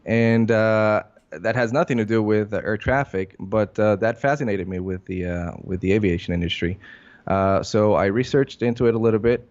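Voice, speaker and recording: A man from Puerto Rico, an air traffic controller, answers interview questions haltingly and hesitantly, full of fillers. His voice is lowish with a darkish tone, and the recording is muffled.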